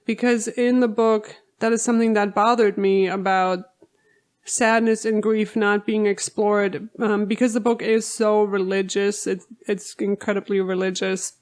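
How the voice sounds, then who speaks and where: A woman's voice: medium pitch, little pitch movement, measured pace, a little mellow, clear, resonant tone. A woman from Europe co-hosting a podcast, chatting casually and laughing easily. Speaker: podcast co-host. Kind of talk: casual chat.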